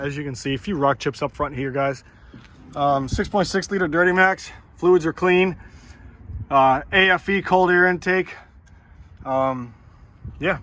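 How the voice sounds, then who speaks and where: A man's voice: fairly high pitch, a bit bright. Rambling, eager man showing off a truck. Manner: rambling, filler-heavy, enthusiastic. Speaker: truck seller. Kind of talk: casual vehicle walkaround. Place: outdoors beside a parked truck.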